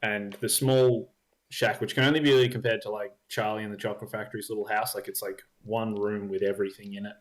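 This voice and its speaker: A man's voice: fairly low pitch, level tone, fast talker. A young man narrating as dungeon master, hesitant with many ums and likes. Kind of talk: narrating a tabletop game.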